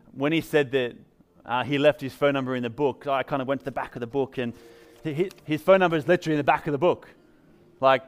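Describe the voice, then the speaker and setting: A man with an English accent preaching a sermon in a church, telling stories in an upbeat, conversational way. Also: medium pitch. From England. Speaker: pastor. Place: church service.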